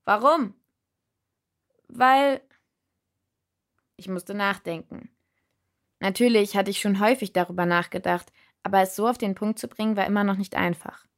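Female narrator, calm reflective first-person storytelling. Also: medium pitch, brisk.

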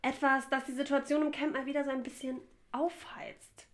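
A ruthless television producer with a snappy, domineering edge, voiced in an audio drama by a woman. She sits a little high and cuts people down fast. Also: little pitch movement, close to an everyday voice. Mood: cold. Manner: snappy and domineering, shouts when angry. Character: ruthless ratings-obsessed female TV producer. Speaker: production manager.

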